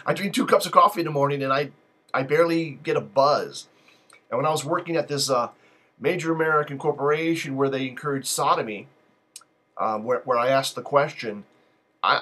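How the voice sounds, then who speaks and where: A man's voice: medium pitch, a bit bright, breathy edge. A man hosting a live call-in stream, talking in a loose, digressive and joking way. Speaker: live call-in show host. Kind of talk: rambling live-stream monologue.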